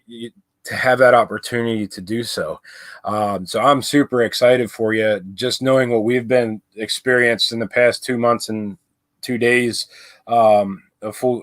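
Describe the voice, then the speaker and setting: A young adult man with a medium-pitched voice hosts a casual livestream chat from inside his RV. He rambles, using many fillers and restarts, and there is no room sound.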